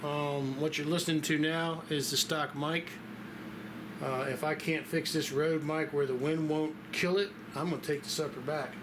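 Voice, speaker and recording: A man's voice: fairly high pitch, steady tone, normal speed. Man in an echoey, noisy room, demonstrating casually. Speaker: vlogger demonstrating a DIY fix. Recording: echoey room, clear background noise, stock mic.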